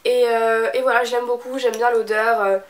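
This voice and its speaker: Chatty young woman, slightly high voice. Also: flat delivery, normal speed. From France. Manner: chatty, many fillers and restarts. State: stuffy nose. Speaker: beauty vlogger. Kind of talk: casual chat.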